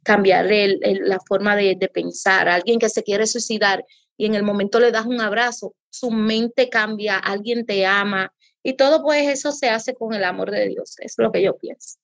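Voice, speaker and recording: A woman's voice: mid-range voice, fairly even intonation, moderate pace, vocal fry, no echo. A woman pastor speaking earnestly as an interview guest, in a preacherly way that repeats for emphasis. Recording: dull lo-fi audio.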